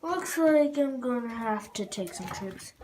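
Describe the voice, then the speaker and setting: A woman's voice: on the high side, expressive, measured pace, very noisy. A young woman vlogging as she collects eggs in a chicken coop, chatty and rambling, often correcting herself. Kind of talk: casual vlog narration. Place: chicken coop outdoors in the country.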